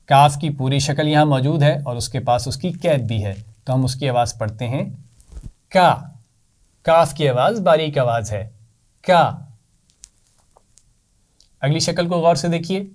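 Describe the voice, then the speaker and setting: A man teaching children to read, speaking slowly and patiently and repeating letter sounds for them to echo. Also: fairly high pitch, darkish tone. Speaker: Quran reading teacher for children. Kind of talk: children's lesson.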